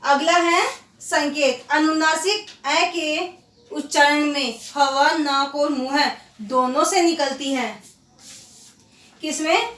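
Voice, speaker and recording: A woman teacher giving a grammar lesson to children, slowly repeating example words and answering her own questions. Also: high-pitched, fairly even intonation, fairly bright tone, recorded from a distance. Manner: slow, drawn-out repetition of example words; asks questions and answers them herself. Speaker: school teacher. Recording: echoey room, voice set back from the mic.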